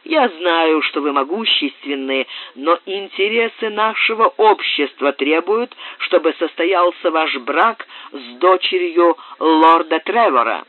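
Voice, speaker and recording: A man reading a cold-blooded, calm doctor. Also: a little high, unhurried, hardly any pauses, no echo. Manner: calm, unruffled. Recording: tinny, dry, phone-like audio.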